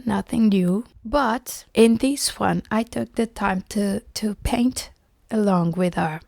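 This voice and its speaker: A woman artist who is sick and has lost most of her voice, talking in a scratchy, breathy half-whisper in a chatty, apologetic vlog, close to a new mic. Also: mid-range voice, darkish tone, no echo. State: sick, voice mostly gone, whispering. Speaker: artist and illustrator vlogger. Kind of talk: casual vlog talk.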